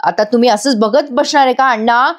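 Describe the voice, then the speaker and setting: A woman voicing a desperate young woman in jail, crying out in a high pleading voice. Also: a little fast, close to an everyday voice. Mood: despairing. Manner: shrill pleading cries.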